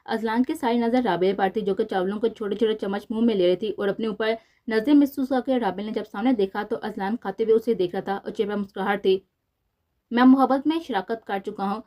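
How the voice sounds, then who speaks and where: A woman's voice: mid-range voice, fairly even intonation, fast, warm tone. Woman reading a romance novel aloud. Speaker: novel narrator.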